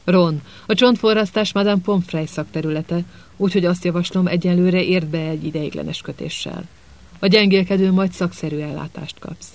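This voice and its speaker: A man voicing a calm, resolute grown male wizard who speaks in a measured way. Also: high-pitched, creaky. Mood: steady.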